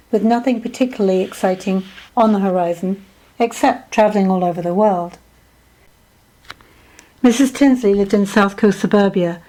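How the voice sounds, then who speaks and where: A woman reading her own memoir aloud as an audiobook, with measured, descriptive storytelling. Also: mid-range voice, dark tone, low-quality recording. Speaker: author narrating her memoir. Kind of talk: scripted audiobook narration.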